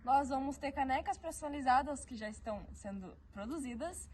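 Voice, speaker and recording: A woman's voice: high-pitched, lively intonation, a little fast, a little mellow, slight background noise. A teenage girl, steadily explaining as a podcast co-host. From southern Brazil. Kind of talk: casual chat.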